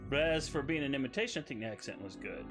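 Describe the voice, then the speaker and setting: A man's voice: mid-range voice, expressive, fast talker. A man talks casually on a live game stream. He reads viewer messages aloud and muses between them, often trailing off into hesitations. Faint game music plays under his voice. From Southern United States. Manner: chatty, reads chat aloud, many hesitations.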